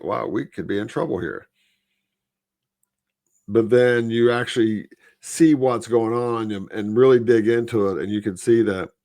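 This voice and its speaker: Blunt, low-voiced man ranting on a podcast. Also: a little mellow, no echo, clean studio sound. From Florida. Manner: blunt, profane, trails off low at phrase ends. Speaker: podcast co-host. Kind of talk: casual political chat.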